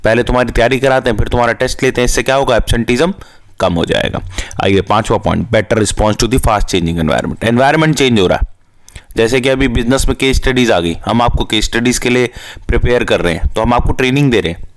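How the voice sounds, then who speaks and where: A young man giving a school commerce lesson in a chatty tone, asking questions and answering them himself, and slowing down to dictate the headings. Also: medium pitch. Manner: chatty, asks and answers his own questions; slows to dictate English headings. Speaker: teacher. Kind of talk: Hindi-English lecture for school students.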